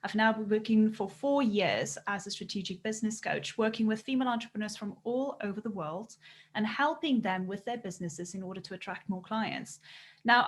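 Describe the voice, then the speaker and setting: Appearing as a business coach in a casual, earnest interview, this woman has a mid-range voice. She is from South Africa, grew up speaking Afrikaans, and talks in English with a South African accent.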